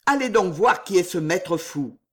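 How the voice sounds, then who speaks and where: A reader voicing a haughty, disdainful man of high rank in an audiobook, with a slow, drawling delivery. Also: expressive, close to an everyday voice.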